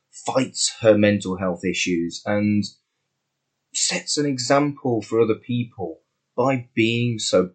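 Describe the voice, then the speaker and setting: Animated podcast host man. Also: lowish voice, breathy edge. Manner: warm, effusive, animated intonation. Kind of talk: casual interview chat.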